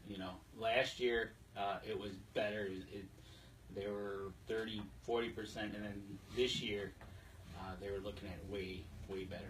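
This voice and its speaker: Steady in tone and moderate in pace, a lowish-voiced man keeps the casual hunting talk show chat friendly and agreeable as co-host. Background noise comes through clearly, since the mic is placed far away.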